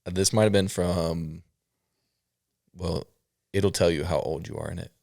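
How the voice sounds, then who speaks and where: Male podcast host, deep voice, dry close sound, casual interview delivery. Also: steady tone, unhurried, gravelly, a little mellow, dry recording.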